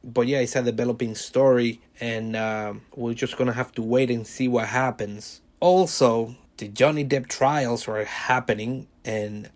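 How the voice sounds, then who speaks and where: A man in his thirties hosts a solo podcast in a relaxed, rambling style. He jokes at his own expense and keeps the tone loose and conversational, with a mid-range pitch. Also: unhurried, few pauses. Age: 30s. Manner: joking, self-deprecating, rambling. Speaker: podcast host. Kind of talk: casual solo podcast monologue.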